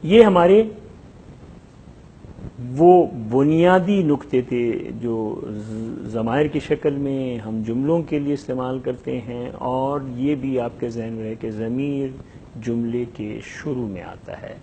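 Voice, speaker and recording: A man teaching a language lesson, stretching out example sentences slowly and repeating each one with several translations. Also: mid-range voice, dark tone, slight background noise. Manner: slow, drawn-out modelling of example sentences.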